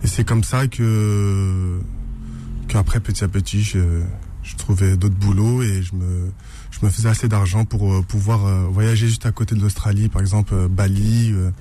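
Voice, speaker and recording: A low, mellow male voice from France, talking as an interview guest. He speaks haltingly, pausing on fillers and restarting his sentences. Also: steady tone, a little hiss or hum. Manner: hesitant, many fillers and restarts. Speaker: author guest. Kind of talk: radio interview.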